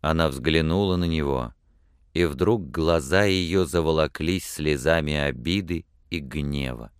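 A man reading a novel aloud in steady, scripted audiobook narration. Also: rumbling low, a little slow, smooth, dry recording, studio quality.

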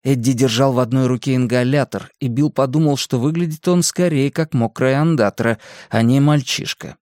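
A man narrating an audiobook in a steady, measured reading voice. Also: medium pitch, no echo, studio quality.

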